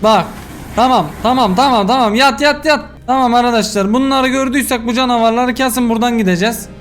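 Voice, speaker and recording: A man giving let's play commentary as a gaming YouTuber, excitable and yelling curses at enemies into a desk microphone. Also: very high-pitched, fast, faint music behind.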